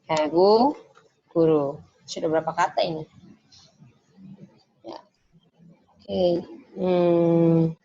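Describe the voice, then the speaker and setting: A woman teaching an online Mandarin lesson in a patient manner, explaining step by step and saying words slowly for her students to copy. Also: fairly low pitch, fairly even intonation, creaky, no echo, muffled recording. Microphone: video call.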